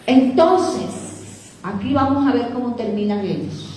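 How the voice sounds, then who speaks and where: A woman preacher reading scripture slowly and dramatically in a sermon, building to fervent proclamation. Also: a little high, expressive, heavy background noise. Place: church. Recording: echoey church room, mic far off.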